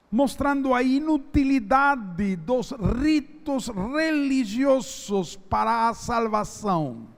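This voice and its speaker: High, lively preaching man, echoey hall. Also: gravelly. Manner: emphatic, slow, drawn-out preaching cadence. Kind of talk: sermon with Bible reading. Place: church.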